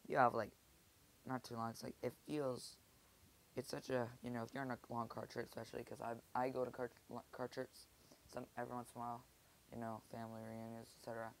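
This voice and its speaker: A man who is sick, speaking softly and rambling hesitantly in a casual app review vlog. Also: mid-range voice, level tone, quick pace, vocal fry, a little hiss or hum, low-quality recording. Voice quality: soft-spoken, subdued. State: sick, keeping voice quiet.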